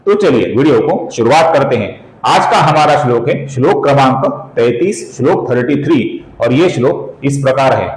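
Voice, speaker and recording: A man teaching careful pronunciation of a devotional verse, explaining it patiently syllable by syllable and chanting the lines slowly. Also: a little high. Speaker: Sanskrit recitation teacher. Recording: roomy echo.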